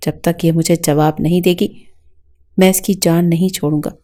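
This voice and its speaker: Woman reading angry jealous young policeman, shouting threats, warm mellow tone, storybook. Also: on the low side, fairly even intonation, natural voice. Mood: furious. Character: furious jealous young male police inspector.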